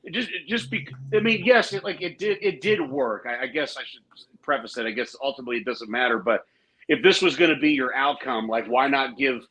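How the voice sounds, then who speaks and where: A man's voice: medium pitch, a little fast, a bit bright, rough recording. A man co-hosting a wrestling podcast, rambling through opinions in casual chat and mocking people with laughing voices. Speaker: podcast co-host.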